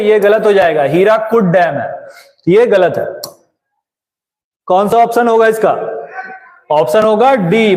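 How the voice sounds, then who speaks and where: A man's voice: sits high, a little mellow. A male teacher going through exam questions, asking questions and answering them himself, and urging viewers to comment. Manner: asks and answers his own questions. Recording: echoey room with long reverb.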